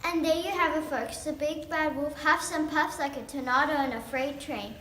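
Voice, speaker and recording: A woman playing a brisk reporter delivering a mock breaking-news report. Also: high voice, fairly even intonation, pushed and bright. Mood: urgent. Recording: roomy echo.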